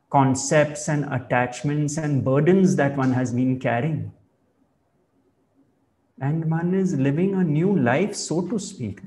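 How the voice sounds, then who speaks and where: A man giving a reflective spiritual talk as a teacher, speaking in a measured, thoughtful way. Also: on the high side, darkish tone.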